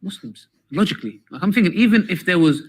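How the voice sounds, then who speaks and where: Husky man answering an interview question. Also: high voice, expressive, fast talker. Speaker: interviewee in a played clip.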